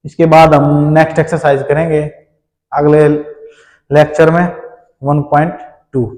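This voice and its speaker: A man's voice: a little high, flat delivery, a little slow, darkish tone, in a large hall, poor audio. A man with an Indian accent teaching a math lesson, explaining step by step and often checking in with his students.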